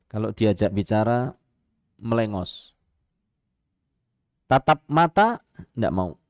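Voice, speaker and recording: Speaking slowly in a lowish voice, this Javanese-accented Islamic preacher gives a radio sermon full of lively stories, rhetorical questions and chuckles. The sound is studio quality and free of echo.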